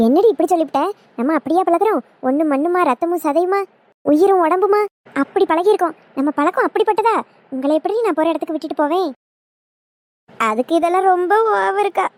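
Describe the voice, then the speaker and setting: A woman's voice: very high-pitched, no echo. A woman voicing a bold, bossy older village woman in a cartoon. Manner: bossy, coaxing.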